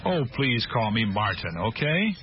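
A friendly reporter from Chicago, lively intonation, clear measured delivery, muffled lo-fi sound. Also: male voice, mid-range voice. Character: friendly male news reporter. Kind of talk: scripted language-course dialogue. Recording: muffled lo-fi studio recording.

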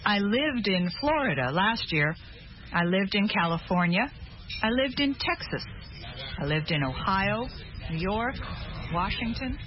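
A brisk café waitress. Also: female voice, medium pitch, very animated. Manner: short, quick service phrases. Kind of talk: scripted language-course dialogue. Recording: muffled lo-fi recording with background noise.

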